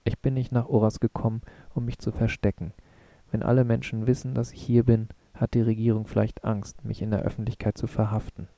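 A man reading the lines of a tired, soft-spoken male scientist in an audiobook. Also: fairly low pitch, little pitch movement, a little fast, no echo, lightly acted. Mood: weary. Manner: tired, quiet.

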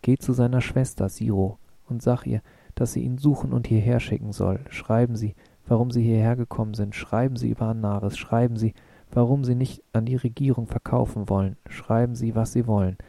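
Rebel leader read by a male narrator; insistent, dark, flat, dry. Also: medium pitch, a little fast, gravelly, dry recording, lightly acted. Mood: excited. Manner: urgent, insistent.

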